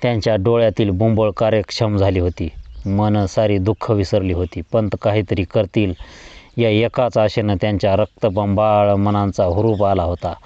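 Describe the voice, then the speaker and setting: A male storyteller reads a novel aloud in a measured, literary way. His voice is low and dark, and the sound is dull and dry, like a lo-fi home recording. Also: steady tone, no echo. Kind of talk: audiobook reading of a novel.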